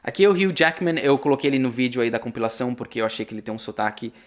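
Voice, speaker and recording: A man with a Brazilian Portuguese accent, chatting casually as a vlogger and repeating sample words slowly to explain them. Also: medium pitch, expressive. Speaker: vlogger teaching English.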